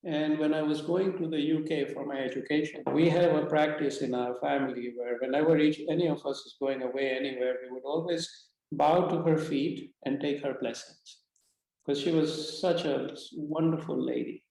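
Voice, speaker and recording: A man being interviewed, telling a personal story in a calm, measured, reflective way. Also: on the high side, creaky. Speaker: interview guest, spiritual mentor. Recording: very echoey room.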